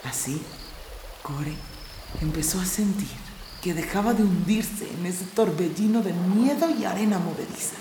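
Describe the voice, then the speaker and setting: A woman narrating a soothing bedtime story, slow and gentle, with dramatic rises. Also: medium pitch, noisy background. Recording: roomy with background music.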